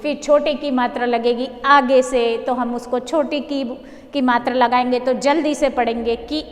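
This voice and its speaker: A teacher drilling Hindi syllables for young children in a reassuring, sing-song way, speaking with an Indian accent. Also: female voice, high voice, steady tone, moderate pace. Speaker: primary school teacher. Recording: echoey room with long reverb.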